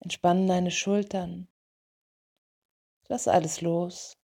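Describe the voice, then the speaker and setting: A woman leading a guided meditation in a soothing, gentle way, in short unhurried phrases. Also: on the low side, level tone, vocal fry. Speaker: meditation guide for dog owners.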